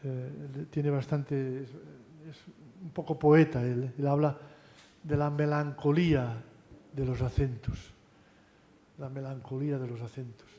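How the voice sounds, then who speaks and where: A man giving a university lecture in a relaxed, conversational way, often adding tag questions and restarting phrases. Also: on the high side. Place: lecture hall. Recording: long hall reverb.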